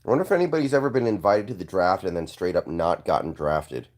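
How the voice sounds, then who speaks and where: A young man hosts a casual live stream, answering viewer comments offhandedly in a congested, hoarse voice and clearing his throat often. His voice sits low and is a little mellow, and he talks fast and animatedly.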